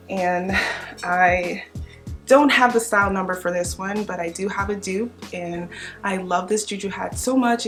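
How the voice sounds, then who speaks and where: A woman's voice: medium pitch, a bit bright. A young woman chatting casually to her viewers about home decor finds, enthusiastic and informal. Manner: chatty, enthusiastic, addresses viewers as "you guys". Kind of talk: casual vlog chat.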